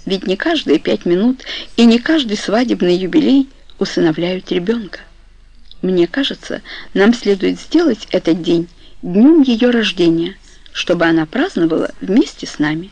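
Woman reading as a soft-spoken tender husband. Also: lowish voice, lively intonation, unhurried, no echo, rough recording. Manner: soft, affectionate, murmuring. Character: tender sleepy husband, young man.

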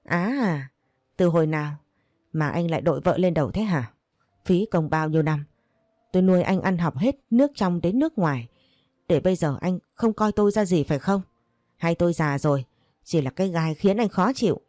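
A woman's voice: fairly low pitch, expressive, normal speed, a little mellow, no room sound, clean studio sound, close to an everyday voice. A woman voicing a bitter, controlling older mother who scolds her son and pities herself. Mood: scolding. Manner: scolding, self-pitying.

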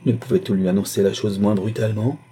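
A man's voice: on the low side, steady tone, fast talker, dark tone, slightly rough. A man voicing a proud, indignant middle-aged wife who laments her lost standing in a storybook reading. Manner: lamenting and haughty.

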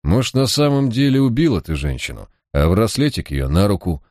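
A man's voice: lowish voice, very animated, fairly quick, darkish tone, dry recording, clean studio sound. A man voicing a shrewd, cocky male police detective who talks in a mocking, coaxing drawl. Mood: coaxing mockery.

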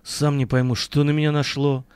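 Audiobook role: a man playing a blunt, volatile bodyguard, rough and clipped, fairly high voice, dry close sound. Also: flat delivery, normal speed, a little mellow, dry recording, close to an everyday voice. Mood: subdued. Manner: blunt, rough, low muttering. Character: gruff volatile male bodyguard.

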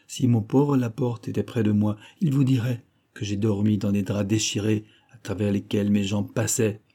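A man's voice: fairly low pitch, level tone, moderate pace, mellow, natural voice. A man voicing a bitter, powerless young king of 22, declaiming with rising indignation.

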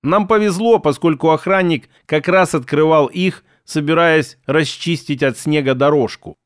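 Brief: male audiobook narrator, steady storytelling, somewhat high voice, dry booth sound. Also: normal speed, dry recording. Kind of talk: first-person audiobook narration.

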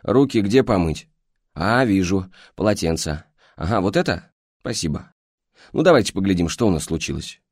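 A man voicing a brisk, ever-smiling private doctor with an unhurried, cheerful manner, in an audiobook. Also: low voice, very animated, darkish tone, breathy edge, no room sound, studio quality, full character voice. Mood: breezy.

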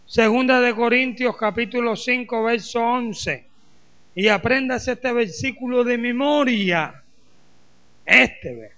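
A pastor from Colombia with a Caribbean coast Spanish accent, preaching a lively sermon and acting out his congregation's voices. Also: very high-pitched, slow pace.

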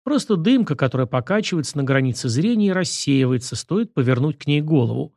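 A man voicing a dry, ironic government curator in an audiobook, somewhat higher and more lively than his narration. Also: brisk, no room sound. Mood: musing. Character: wry reserved male official curator. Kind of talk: audiobook character voice.

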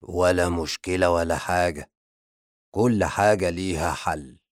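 Guy doing a goofy egyptian jinn, low voice, jokey. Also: unhurried, dry recording, clean studio sound. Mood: cheeky. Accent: Egyptian Arabic. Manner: playful, joking. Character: silly, cheeky male jinn who jokes.

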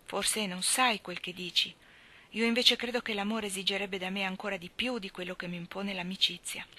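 A woman reading the lines of an earnest, resolute young country girl in a steady delivery. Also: mid-range voice, moderate pace.

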